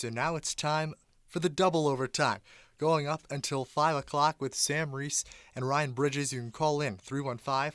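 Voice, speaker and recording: A man's voice: medium pitch, fairly bright tone, no room sound. A man presenting a sports radio broadcast, wrapping up and handing over to the next show. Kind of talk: broadcast wrap-up and handoff.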